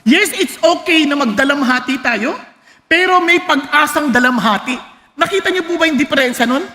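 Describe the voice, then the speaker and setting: Filipino man preaching, very high bright voice, animated, joking, long hall reverb. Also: normal speed. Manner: animated, mixing Tagalog and English, joking, shouting for emphasis. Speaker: pastor. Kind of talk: sermon.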